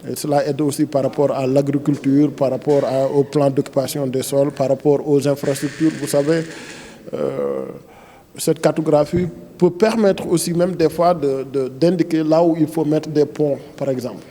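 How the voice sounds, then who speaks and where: A man with a Senegalese accent, director general of a planning agency, explains things in an interview, hesitating and restarting his phrases. His voice is fairly high in pitch with a dark tone, at normal speed.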